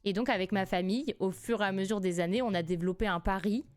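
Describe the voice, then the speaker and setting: A young woman from France in her twenties, streaming live and telling a family story in a casual, animated way, laughing often. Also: medium pitch, quick pace, soft background music. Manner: animated, laughs often, rises sharply when indignant.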